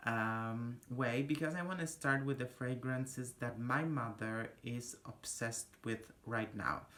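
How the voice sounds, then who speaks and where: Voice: medium pitch, a bit bright. A young adult vlogger from Poland with a Polish accent, chatting casually and ramblingly to a phone camera in a small room. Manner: rambling, chatty, self-interrupting. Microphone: phone camera at arm's length.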